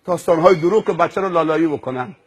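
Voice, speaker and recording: A male preacher telling a moral story in a sermon, animated and dramatic, piling up repeated phrases. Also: fairly high pitch, breathy edge.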